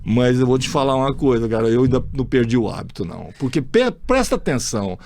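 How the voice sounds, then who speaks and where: A man's voice: medium pitch, big pitch swings, fast, creaky, darkish tone. A man from Brazil hosting a casual chat, telling anecdotes bluntly, swearing freely and acting out the people in his stories. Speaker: podcast host.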